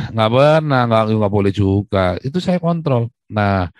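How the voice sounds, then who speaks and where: A man's voice: lowish voice, animated, takes it slowly, darkish tone, no room sound. A man hosting a live video-call discussion, emphatic and lecturing, often repeating himself. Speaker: livestream host.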